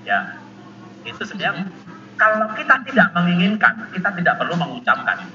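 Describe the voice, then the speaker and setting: A man giving a lively, emphatic talk to teachers over a video call. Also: high-pitched, quick pace. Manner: animated, emphatic, laughs often. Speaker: seminar speaker for teachers. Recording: muffled video-call audio with steady noise.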